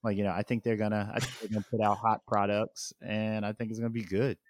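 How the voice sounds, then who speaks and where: A man co-hosting a podcast in casual chat, unhurried and rambling with many fillers. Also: lowish voice, level tone, dry recording. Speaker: podcast co-host.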